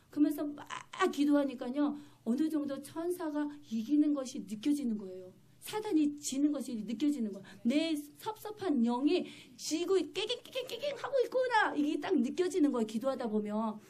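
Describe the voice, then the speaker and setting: A woman's voice: high-pitched, animated, normal speed, few pauses, mellow. A woman pastor preaching a sermon in church, telling her story vividly and with emphasis.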